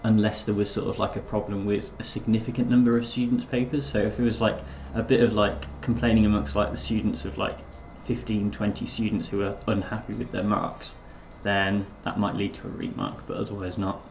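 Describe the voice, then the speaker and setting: A man's voice: fairly low pitch, little pitch movement, brisk, hardly any pauses, darkish tone, roomy sound, slight background noise. A man live streaming and chatting casually with viewers, hesitant and full of filler words.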